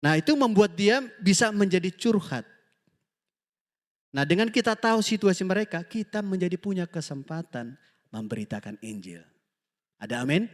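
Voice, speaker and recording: A man from Indonesia preaching a lively sermon, telling stories and calling on the congregation for amen. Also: sits high, normal speed, long pauses, long reverb tail. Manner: animated storytelling, acts out quoted dialogue. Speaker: pastor. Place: church hall.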